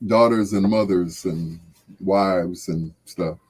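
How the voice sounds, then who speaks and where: A middle-aged or older American man hosts a livestream, chatting casually and jovially with viewers. He speaks slowly in a deep, slightly rough, a little mellow voice, drawing out and repeating phrases in a folksy way.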